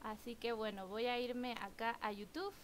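Bubbly high-voiced Mexican woman streamer. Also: moderate pace, a little hiss or hum. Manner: bubbly, excitable, chatty, with English exclamations. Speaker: gaming streamer. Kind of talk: live-stream chat while gaming.

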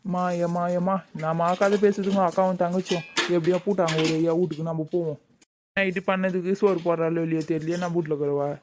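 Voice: medium pitch, steady tone, fast talker, a little mellow, a little hiss or hum, close to an everyday voice. A performer voicing a sheepish, coaxing father in a cartoon, with speech. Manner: coaxing, pleading. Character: sheepish village father, coaxing and soft-spoken. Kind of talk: cartoon voice acting.

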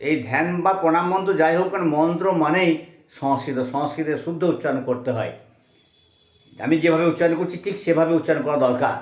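A man teaching mantras, chanting them slowly and then explaining their meaning word by word. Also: on the high side, reverberant. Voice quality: slow drawn-out chanting alternating with quick explanation.

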